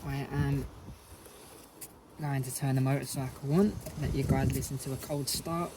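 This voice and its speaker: A man with an Essex accent narrates a how-to in a relaxed, rambling way, correcting himself as he goes. His delivery stays level with little rise or fall. Clear background noise from outdoors runs under the whole recording. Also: medium pitch, moderate pace. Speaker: motorcycle vlogger. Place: outdoors beside a parked motorcycle.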